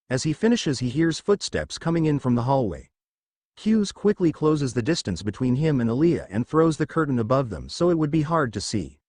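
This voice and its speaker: A man reads fanfiction aloud for his channel, telling the story with animated energy. His pitch swings widely through the lines. The recording is dry and close. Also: no echo. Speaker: fanfiction narrator.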